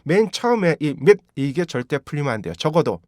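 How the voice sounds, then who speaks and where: A man's voice: on the high side, big pitch swings, fairly quick, darkish tone, dry recording, clean studio sound. A man with a Korean accent teaching English pronunciation, repeating model words many times and asking rhetorical questions. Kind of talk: pronunciation lesson.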